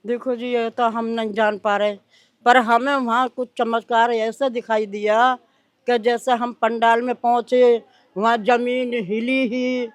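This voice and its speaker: A woman, answering a reporter's questions in halting, rambling sentences. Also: a little high, little pitch movement, no room sound. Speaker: interviewee, devotee. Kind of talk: field interview answers.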